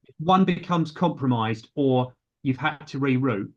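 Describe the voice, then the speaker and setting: A British man hosting a casual conversation, asking measured, thoughtful questions. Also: mid-range voice, animated, lo-fi sound. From Britain.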